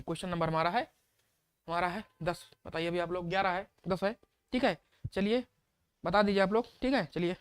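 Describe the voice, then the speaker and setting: A woman's voice: medium pitch, clean tone, dry recording, studio quality. Woman teacher quizzing a live online class. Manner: repeats key terms and quizzes the listeners; reads out and answers viewer questions. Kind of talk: live online grammar lesson.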